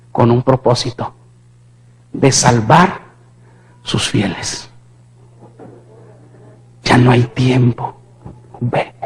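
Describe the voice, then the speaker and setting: A man preaching his testimony as a sermon, impassioned, swinging from hushed to shouting and asking the congregation questions. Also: mid-range voice, breathy edge.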